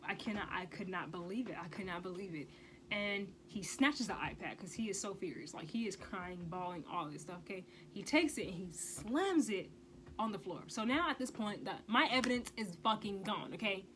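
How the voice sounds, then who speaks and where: A woman's voice: medium pitch, expressive, moderate pace, fairly bright tone, slight background noise, poor audio. A woman telling a personal story in a casual vlog, emphatic and blunt, often stressing points with a rhetorical "okay?" and swearing freely. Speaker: vlogger.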